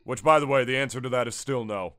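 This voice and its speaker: A man's voice: mid-range voice, quick pace, clean tone, dry recording, studio quality. A young man co-hosting a podcast, joking crudely and mocking himself in casual banter. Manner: lively, crude, self-mocking. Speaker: podcast co-host.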